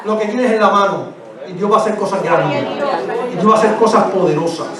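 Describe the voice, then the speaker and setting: A male preacher gives an emphatic sermon, hammering his points with repetition and direct appeals. His voice sits high. He is heard from a distance in a very echoey church, with faint room noise. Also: brisk, a crowd in the background. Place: church sanctuary.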